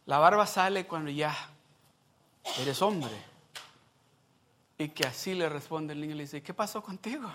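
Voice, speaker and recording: A man's voice: on the high side, unhurried, long pauses, fairly bright tone, slight background noise. A man preaching a Sunday sermon in a conversational way, often asking the congregation questions. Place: church service.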